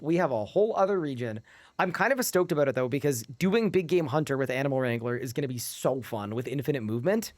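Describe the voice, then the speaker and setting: A man's voice: fairly high pitch, no room sound. A sleep-deprived man streaming a game live, chatting casually and reading his chat aloud.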